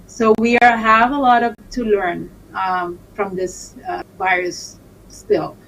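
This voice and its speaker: A woman from Colombia, answering interview questions as a doctor, halting with many fillers and restarts. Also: mid-range voice, vocal fry, a bit bright. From Caribbean Colombia. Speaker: infectious disease doctor, guest. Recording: distant mic with faint noise.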